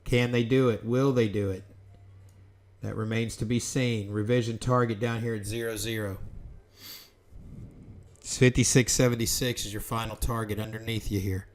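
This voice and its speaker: A man's voice: lowish voice, steady tone, moderate pace. A man giving live trading commentary, calling out prices and orders in short bursts and talking himself through the trade.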